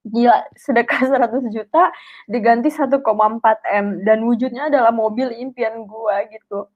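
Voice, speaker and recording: A woman's voice: a little high, normal speed. A young woman with tells a personal story in an emotional, rambling way, full of filler words. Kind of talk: personal testimony. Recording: tinny phone-like sound.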